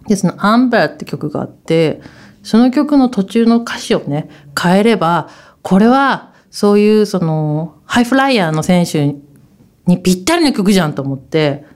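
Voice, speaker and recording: A woman talks casually as the host of a radio segment, her voice at an ordinary middle pitch. She rambles from one thought to the next and refers to herself by her own nickname. She now and then turns aside to her co-host to check a detail. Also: animated, moderate pace, a little mellow. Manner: asks the co-host for confirmation.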